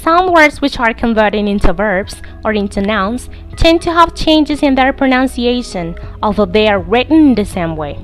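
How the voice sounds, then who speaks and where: A woman narrating a scripted lesson, giving slow, deliberate instructions and reading word lists. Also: a little high, lively intonation, faint music behind.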